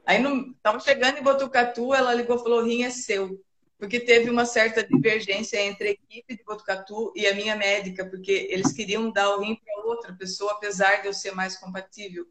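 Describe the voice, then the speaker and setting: A woman's voice: medium pitch, flat delivery, a little fast, few pauses, fairly bright tone, echoey room. A woman guest talking in a casual online conversation, emotional and reflective. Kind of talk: casual video-call conversation.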